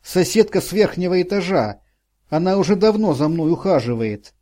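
A man's voice: high-pitched, sing-song, moderate pace, warm tone, pitched above the performer's own voice. A man voicing a frightened, blind elderly woman who pleads and sobs. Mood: tearful. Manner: sobbing, pleading, panicky.

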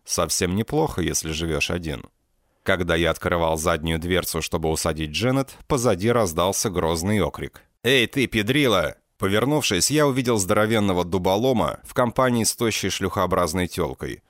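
A man reading a first-person audiobook in a deadpan, sardonic manner. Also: deep voice, moderate pace, no echo, studio quality. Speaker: audiobook reader.

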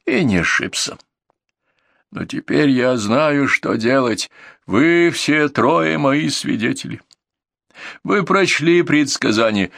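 A man voicing a stern, commanding king in a storybook reading, speaking slowly and gravely. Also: mid-range voice, a bit bright, no room sound, studio quality, voice pushed up, full character voice.

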